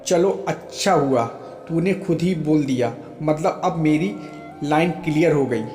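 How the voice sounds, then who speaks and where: A playful young soldier who keeps teasing his wife with a grin in his voice, read by a male narrator. The tone is fairly high and unhurried. A roomy echo carries it, and soft music plays beneath. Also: steady tone, lightly acted. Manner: joking, teasing, laughing.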